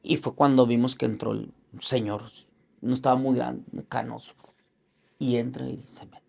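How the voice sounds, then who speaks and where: Very gravelly man telling his testimony. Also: mid-range voice, little pitch movement, a little mellow. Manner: earnest, halting storytelling with religious fervor; acts out other people's words in raised voices. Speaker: interview guest. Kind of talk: personal faith testimony.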